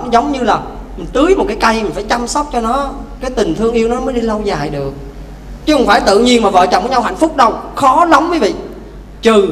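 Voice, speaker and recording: A man, a Buddhist monk, giving a lively dharma talk with stories, speaking directly to the congregation. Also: high-pitched. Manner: lively, addresses audience directly. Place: temple hall. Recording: echoey temple hall, faint hum.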